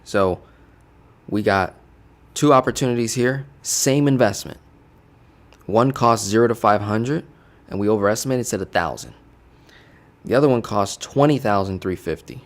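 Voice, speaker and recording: With a low-leaning voice at normal speed and long pauses, a man teaches startup costs in a casual walkthrough on a studio desk mic. He's playful and chatty, a finance educator who keeps asking "right?".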